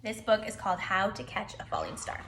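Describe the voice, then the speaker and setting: A preschool teacher with a medium-pitched voice talks fairly quickly and with lively expression as she runs story time for children. The echoey room also carries background noise.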